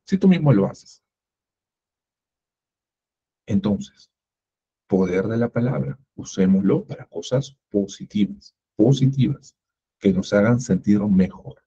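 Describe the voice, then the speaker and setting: A man's voice: lowish voice, lively intonation, takes it slowly, long pauses, dark tone, husky. A man teaching an entrepreneurship workshop, asking rhetorical questions and acting out little everyday dialogues. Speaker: workshop instructor. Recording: muffled lo-fi recording.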